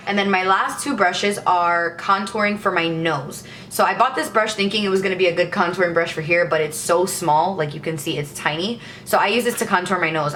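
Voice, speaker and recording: A woman's voice: fairly low pitch, a bit bright, a little hiss or hum. A young woman chatting enthusiastically as a beauty vlogger, showing her makeup brushes. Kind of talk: casual makeup tutorial.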